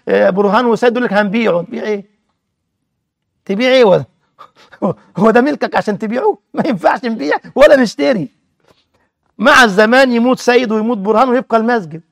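Fast, gravelly Egyptian religious teacher. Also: male voice, high-pitched, no echo, studio quality. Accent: Egyptian Arabic. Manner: quizzes listeners with rhetorical check questions. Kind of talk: religious lesson.

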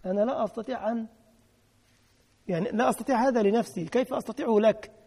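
Gravelly high-voiced Egyptian preacher. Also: male voice, rapid-fire, warm tone. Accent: Egyptian Arabic. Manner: emphatic, repeats key phrases, quizzes the audience. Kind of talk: sermon. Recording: long hall reverb.

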